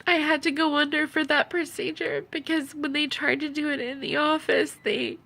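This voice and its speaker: A tearful, upset woman who sounds as if she has been crying, giving a halting personal monologue in which she repeats her phrases. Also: high voice, steady tone, creaky, sharp tone. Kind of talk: personal video monologue about own experiences.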